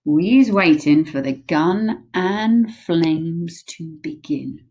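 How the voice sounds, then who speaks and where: A woman voicing a big, gentle male giant who speaks in hushed tones with oddly mangled grammar. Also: lowish voice, animated, slow pace, husky, heavily acted.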